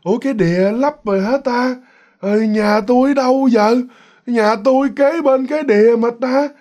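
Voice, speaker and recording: A man doing a lost old ghost in his eighties, wandering through the dark in search of a house that is gone. The voice is weak and shaky, pitched well above his own, and it stammers and repeats words as the figure mumbles along slowly. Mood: lost, bewildered.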